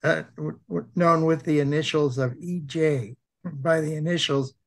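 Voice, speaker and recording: An older American man co-hosting a web program, presenting informally and reading aloud, hesitant and repeating himself, with a thick, sore-throat voice and frequent throat clearing. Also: on the high side, steady tone. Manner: halting, hesitant, with many pauses and repeats.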